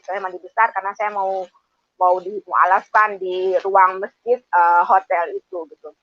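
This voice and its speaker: A woman in her fifties from Padang, Indonesia, telling her personal testimony in an animated way, full of hesitant fillers. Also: mid-range voice, no room sound, muffled recording. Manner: animated, acts out quoted voices, many hesitant fillers. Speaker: testimony speaker.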